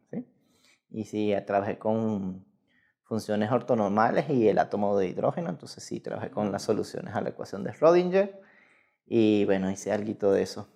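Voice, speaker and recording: A Venezuelan man in his thirties, a guest researcher in mathematics, answers interview questions casually and ramblingly, often correcting himself. His voice sits on the low side, with vocal fry and a dark tone.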